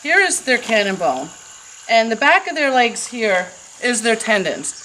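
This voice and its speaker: A woman's voice: fairly high pitch, sing-song, measured pace, pushed and bright, a little hiss or hum. A woman in her fifties teaching leg wrapping, explaining step by step in an outdoor courtyard, picked up by a distant camera. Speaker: horse care clinic instructor. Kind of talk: outdoor demonstration talk.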